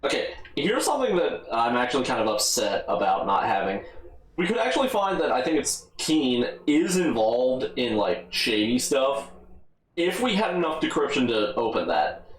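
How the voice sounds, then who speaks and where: A man's voice: mid-range voice, very animated, moderate pace, echoey room, low-quality recording. A man giving casual, rambling gameplay commentary with a wry humor, often correcting himself. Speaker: let's play host.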